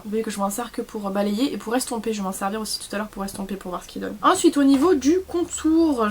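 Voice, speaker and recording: A woman's voice: fairly high pitch, slight background noise. A young woman from southern France with a southern French accent, chatting casually through a makeup tutorial, rambling with many fillers and asides. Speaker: beauty vlogger.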